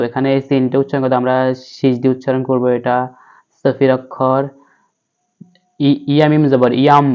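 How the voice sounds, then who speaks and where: A man patiently spells out Quran letters and vowel marks one at a time, then chants the verse slowly. His voice is smooth and resonant but stays flat in pitch. The recording sounds slightly dull and lo-fi. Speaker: Quran teacher. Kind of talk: spelling-out Quran recitation lesson.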